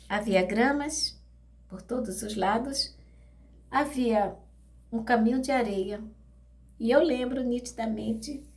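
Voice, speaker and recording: A middle-aged woman recounting a deeply personal story as a grieving mother. Her voice sits fairly high and she talks with raw emotion, often turning to address her listeners directly. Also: a little mellow. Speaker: bereaved mother.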